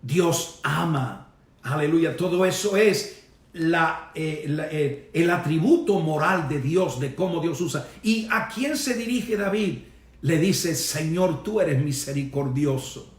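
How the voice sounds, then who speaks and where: A man's voice: on the high side, lively intonation, slow, echoey room, recorded from a distance. A male pastor preaching a sermon with emphatic delivery, punctuated by amens and hallelujahs.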